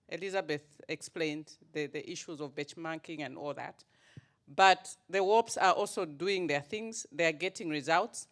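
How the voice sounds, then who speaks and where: A woman's voice: fairly low pitch, fairly bright tone. A woman from Zambia, asking a conference panel direct, orderly questions. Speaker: audience member asking questions, water regulator staff.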